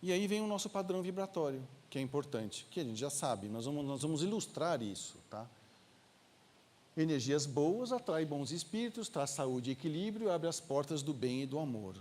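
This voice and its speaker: Lively, joking man lecturing. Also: on the high side, normal speed, a little hiss or hum. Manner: informal, joking, acts out little quoted dialogues. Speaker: lecturer at a spiritist center. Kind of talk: spiritist lecture to a live audience.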